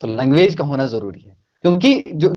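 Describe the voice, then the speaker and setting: A man with a Kashmiri accent talks as an interview guest, his voice swinging widely in pitch as he makes his points. He repeats phrases and mixes English words into his speech. The recording sounds a little dull and lo-fi. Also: animated, fairly quick, a little mellow. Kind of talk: casual interview answers.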